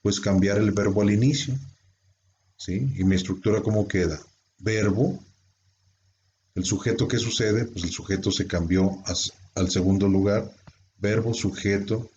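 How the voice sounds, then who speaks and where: Low, dark-voiced male teacher. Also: a little hiss or hum. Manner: explains step by step with rhetorical questions. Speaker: English teacher. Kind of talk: classroom grammar lesson. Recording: dull lo-fi sound.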